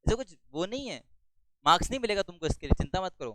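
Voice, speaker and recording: A male teacher giving a classroom lecture. He talks loudly, asks the class questions and then answers them himself. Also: high voice, very animated, quick pace, no echo, poor audio.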